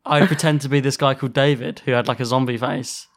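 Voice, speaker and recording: A man's voice: medium pitch, fairly even intonation, fast. A man co-hosting a podcast, telling paranormal stories in loose casual chat, full of fillers and laughs. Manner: chatty, laughs often, trails off with fillers. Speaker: podcast co-host.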